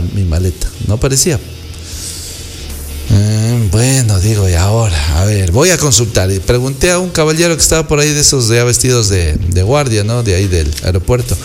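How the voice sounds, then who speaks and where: A man, a guest who is an architect, telling travel anecdotes in a relaxed, meandering way. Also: fairly low pitch. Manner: unhurried, meandering storyteller.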